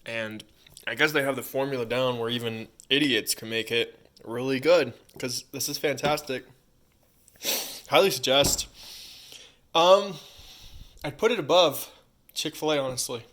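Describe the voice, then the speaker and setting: A man's voice: medium pitch, a little slow, pauses often, a bit bright. A man giving a casual food review while eating crunchy fried chicken.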